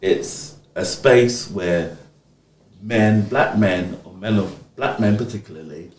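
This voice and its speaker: A man's voice: on the low side, slow, slight background noise. A man in his fifties from the UK, telling stories in an interview and acting out the voices of the people he quotes. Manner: animated, acts out quoted speech. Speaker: interviewee, community organiser. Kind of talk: conversational storytelling. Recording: echoey room.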